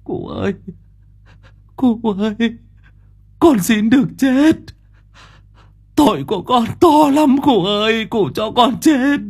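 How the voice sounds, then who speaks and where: A man voicing a terrified young village man who sobs and pleads to die, his voice pitched up high and strained. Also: animated, takes it slowly, pauses often, a little mellow, slightly rough, heavily acted. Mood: sobbing plea. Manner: sobbing, pleading.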